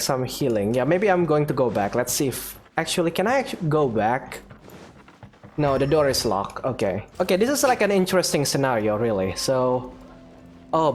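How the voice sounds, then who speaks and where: A man giving casual, reactive commentary while playing a game, with game music behind. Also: a little high. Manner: chatty, reactive, groans and laughs at the game. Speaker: gaming youtuber.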